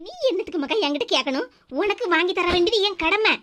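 A woman voicing a doting, fussy middle-aged mother in an animated cartoon, coaxing her daughter with a Kanyakumari Tamil accent. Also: very high voice, fast talker, slight background noise.

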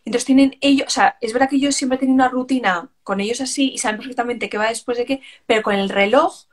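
A woman's voice: on the high side, fast talker. A woman hosting a live stream, chatting casually about her kids with many fillers. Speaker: live stream host and mother.

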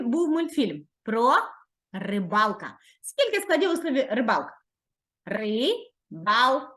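A woman's voice: a little high, fairly bright tone. A woman primary school teacher giving a video reading lesson to young children, drawing words out and encouraging them. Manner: drawn-out, sing-song words for children.

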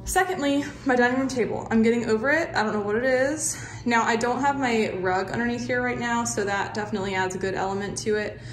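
A young woman talks into her phone while she walks through her house. Her voice sits a little high, and she rambles, trails off and starts her sentences over. A faint hum of room noise runs underneath. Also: quick pace, hardly any pauses. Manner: chatty, rambling, self-deprecating, trails off and restarts. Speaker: lifestyle vlogger. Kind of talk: casual home-tour chat. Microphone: phone camera on a handheld stick.

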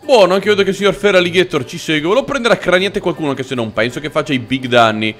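A man hosting a let's play, giving excitable gameplay commentary, swearing a lot and chatting with the creatures on screen. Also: fast talker, soft background music. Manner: jumps into squeaky cooing over cute creatures. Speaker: gaming channel host.

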